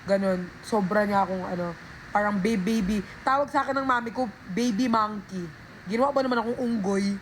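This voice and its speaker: A woman's voice: medium pitch, slight background noise, rough recording. A woman telling a rambling story on a casual livestream, talking into a phone and calling her viewers guys and be.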